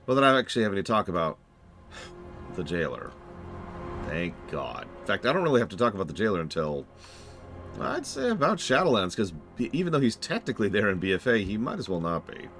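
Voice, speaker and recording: A very low-voiced man commentates on a game live, with lively swings in pitch and music playing behind him. His delivery is casual, wry and opinionated, as a streamer explaining lore. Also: fairly quick.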